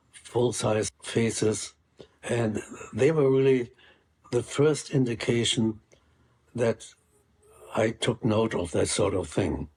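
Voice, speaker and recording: An older man from Hungary recounts his early years at an even, reflective pace. His voice sits somewhat low, and he pauses often between phrases as he remembers. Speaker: Holocaust survivor telling his story. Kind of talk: personal recollection.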